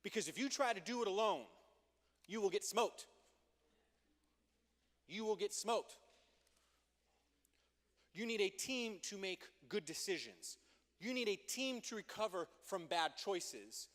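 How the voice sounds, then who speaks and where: A man preaching a youth group sermon as youth pastor, playful and energetic, joking with the teens before turning earnest. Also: high-pitched, measured pace, pauses often. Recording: long hall reverb.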